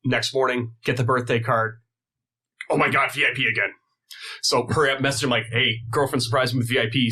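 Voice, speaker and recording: A man in his thirties tells a story in casual podcast talk. His voice is bright and forward. He throws himself into the tale, jumping up high to act out the people he quotes. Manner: animated storyteller who acts out quoted people. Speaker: guest luthier.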